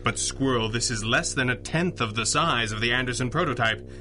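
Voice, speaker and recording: An actor playing a brainy, measured masked crime-fighter who is the boss, in a pulp radio drama. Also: male voice, mid-range voice, bright, forceful tone, faint music behind, close to an everyday voice. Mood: thoughtful, assured. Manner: measured, articulate, dry. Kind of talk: 1930s-set pulp radio drama acting.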